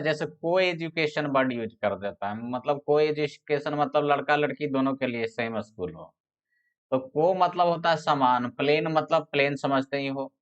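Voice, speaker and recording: A male physics teacher giving a classroom lecture. He explains step by step and repeats each phrase slowly while dictating notes. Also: fairly high pitch, clean tone. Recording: dull lo-fi sound.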